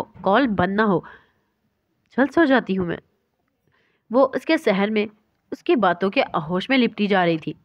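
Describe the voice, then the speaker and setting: A woman's voice: medium pitch, dry recording, muffled recording. Woman narrating a romance novel. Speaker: novel reader.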